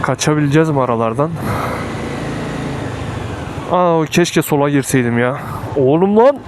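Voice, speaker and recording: A young man with a fairly high voice vlogs from inside a helmet on a motorbike. His talk is informal, slangy banter. Clear engine and traffic noise runs behind the voice. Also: animated, normal speed. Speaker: motovlogger. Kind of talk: casual chat while riding a motorbike.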